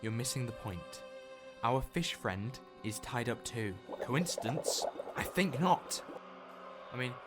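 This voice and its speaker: A man's voice: mid-range voice, expressive, music in the background. The Doctor, a man playing a theatrical alien sleuth. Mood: wry. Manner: theatrical, quick-witted, fond of grand explanations. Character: eccentric alien time-traveling male detective. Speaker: lead character. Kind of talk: fan audio drama acting.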